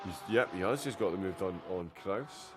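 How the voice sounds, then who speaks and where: A man's voice: sits low, expressive, normal speed, noisy background. A man commentating a sim racing endurance stream, chatty and filled with "uh" hesitations as he reacts to the racing. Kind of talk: live race commentary.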